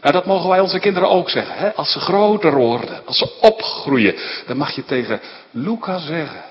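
A male pastor preaching a sermon, moving between hushed tender passages and rising fervent emphasis. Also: fairly high pitch, expressive, moderate pace, slight background noise. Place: church hall. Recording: dull lo-fi church recording with long reverb.

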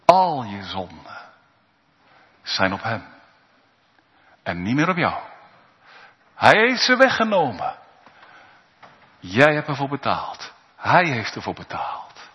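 A male pastor preaching an impassioned sermon, swinging between loud appeals and hushed asides. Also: mid-range voice, wildly swooping pitch, slow, long pauses. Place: church. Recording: dull sound with long church reverb.

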